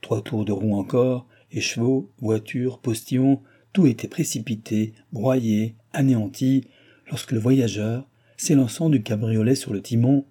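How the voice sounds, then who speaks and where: Husky-voiced male audiobook narrator. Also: mid-range voice, fairly even intonation, a little slow, warm tone. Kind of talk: scripted narration.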